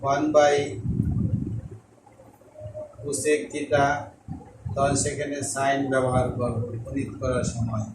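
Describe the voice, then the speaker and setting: A male math teacher giving a slow classroom lesson, repeating and spelling out each term. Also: medium pitch, fairly even intonation. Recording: echoey room, mic far off, noisy.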